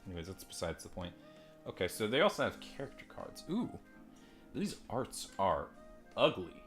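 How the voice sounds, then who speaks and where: At a moderate pace but very animated, the man reviews toys in his deep, slightly bright voice over soft background music. It's a rambling, self-mocking unboxing chat sprinkled with casual swearing, using a desk mic and a phone mic.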